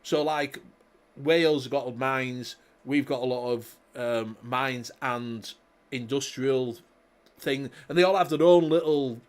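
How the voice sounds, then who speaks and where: A man's voice: mid-range voice, slow pace. A man from Leeds with a Yorkshire accent, chatting casually and matily as co-host of an online show, using colloquial dialect. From Leeds, Yorkshire, England. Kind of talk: casual banter among friends.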